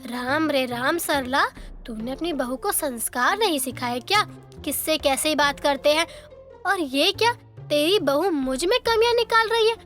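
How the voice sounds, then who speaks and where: A high-voiced, gossiping old neighbor in her sixties, scolding and taunting in a cartoon story. Faint music runs underneath. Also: animated, a little slow, a bit bright. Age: 60s. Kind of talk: animated story dubbing.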